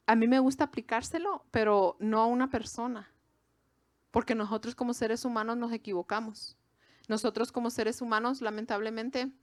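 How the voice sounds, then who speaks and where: A woman's voice: on the high side, dry recording. A woman from Mexico with a Mexican accent, giving an informal sermon to a women's gathering in a conversational way, with asides to her listeners. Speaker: preacher.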